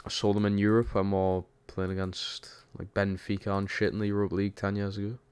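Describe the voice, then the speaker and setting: A man's voice: fairly low pitch, level tone, fast talker, a little mellow, clear, resonant tone. A young man with a Geordie accent, chatting casually over a football game while streaming and reading chat. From Newcastle, England. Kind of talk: casual gaming stream commentary.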